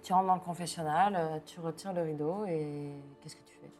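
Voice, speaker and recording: A woman's voice: sits low, fairly even intonation, a little fast, darkish tone, faint music behind. A woman game master narrating a tabletop game, describing scenes and calling for rolls.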